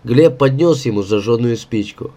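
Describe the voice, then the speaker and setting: A man narrating an audiobook in a measured, expressive reading. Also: mid-range voice. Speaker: audiobook reader.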